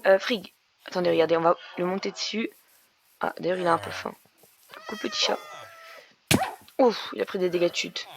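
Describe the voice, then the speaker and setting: Fast and gravelly, this young woman's fairly low, steady voice carries over crowd noise. She's a gaming YouTuber giving chatty Minecraft let's play commentary, full of fillers and false starts as she explains her moves.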